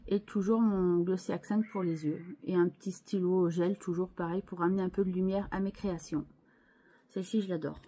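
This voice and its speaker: A woman's voice: fairly low pitch, fairly even intonation, a little fast, mellow. A woman hosting her scrapbooking channel, chatting casually as she shows her craft pages, hesitant and full of restarts, with chatty asides to viewers.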